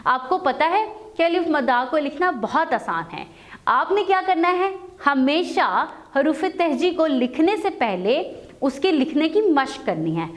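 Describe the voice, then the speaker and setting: Woman teacher with an Urdu-speaking Pakistani accent for a children's lesson; high, animated voice, patient and questioning.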